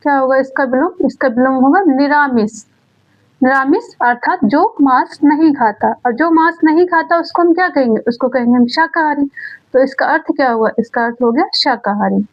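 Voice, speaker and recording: A woman teaching an exam-prep grammar lesson, asking questions and answering them herself, repeating key words slowly. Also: high-pitched. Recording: dull lo-fi sound.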